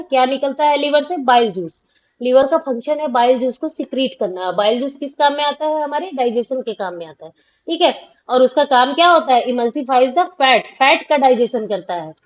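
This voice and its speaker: A woman's voice: fairly high pitch, darkish tone, low-quality recording. A woman teaching a school science lesson, asking questions and answering them herself, with frequent check-ins to students. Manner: repeats questions and answers them, many "theek hai" checks. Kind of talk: classroom explanation of a class 10 lesson.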